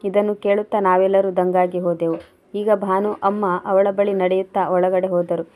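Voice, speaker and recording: A woman reading a scripted story as narrator, in a steady, even delivery. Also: mid-range voice, moderate pace, narrow, tinny audio.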